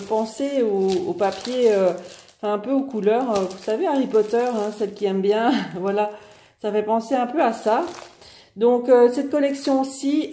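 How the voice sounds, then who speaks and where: A woman's voice: medium pitch, warm tone. Chatty woman in a roomy space. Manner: chatty, many fillers and repeats, laughs at herself. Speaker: online scrapbooking shop owner. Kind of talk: casual product presentation. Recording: echoey room.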